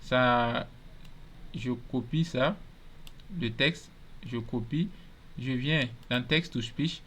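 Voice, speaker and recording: A man hosting a screen-recorded software tutorial, casually explaining step by step and often repeating himself. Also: medium pitch, slow pace, slight background noise. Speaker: tutorial host.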